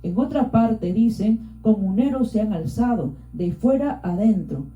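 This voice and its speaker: A woman's voice: medium pitch, lively intonation, measured pace, lightly acted. A woman voicing a defiant male Andean villager, a horn player rousing the others in broken rural speech. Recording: roomy, dull lo-fi.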